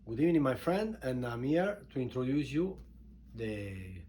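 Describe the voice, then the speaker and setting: A man from Italy with an Italian accent, informally introducing his book in halting non-native English, repeating words for emphasis. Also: mid-range voice, sing-song, warm tone, a little hiss or hum. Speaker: author and show host introducing his book.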